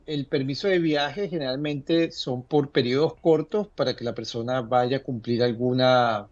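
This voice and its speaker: On a live call-in advice segment, a legal guest answers viewer questions, halting on fillers and restarting his sentences often. His medium-pitched voice is a little mellow and sounds dry with no echo or room sound, over dull, lo-fi audio like a remote link.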